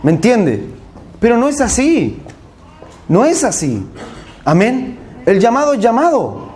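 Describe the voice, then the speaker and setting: A man's voice: very high voice, huge pitch swings, unhurried, darkish tone, slight background noise. A man preaching a sermon in a conversational way, often checking that his listeners follow him and acting out what others say. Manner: conversational, checks in with listeners, acts out quoted voices.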